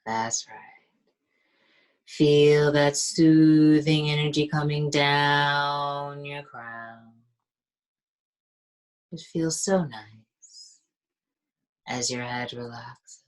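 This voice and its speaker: A woman leading a guided meditation in a soft, soothing, half-whispered voice. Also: low voice, steady tone, very slow, long pauses.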